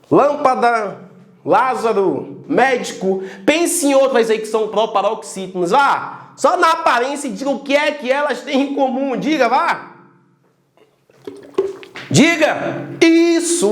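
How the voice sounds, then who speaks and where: A man teaching a grammar lesson with energy, loudly calling out syllables to show stress. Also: very high-pitched, echoey room. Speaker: Portuguese teacher.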